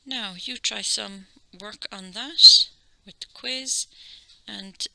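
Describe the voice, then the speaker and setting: A woman's voice: mid-range voice, slow, gravelly, pushed and bright, rough recording. A woman with an Irish accent teaching a maths lesson, explaining each step patiently and checking in with "okay?".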